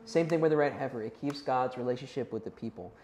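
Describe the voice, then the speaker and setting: A man's voice: medium pitch, quick pace, a little mellow, slight background noise. A man teaching a youth Bible class in a casual, conversational way, checking in with his listeners and unsure how to pronounce some Hebrew and Greek words. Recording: roomy echo.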